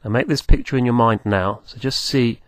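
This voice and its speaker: A man teaching beginners, speaking slowly and patiently, repeating words for the listener to copy. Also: mid-range voice, no room sound, studio quality. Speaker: language teacher. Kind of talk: slow, patient teaching with pauses.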